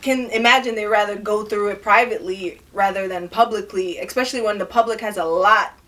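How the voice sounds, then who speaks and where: A woman's voice: mid-range voice, steady tone, a little fast, a bit bright, recorded from a distance. A woman co-hosting a podcast in casual chat, frank and giggly, often laughing between remarks. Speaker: podcast co-host.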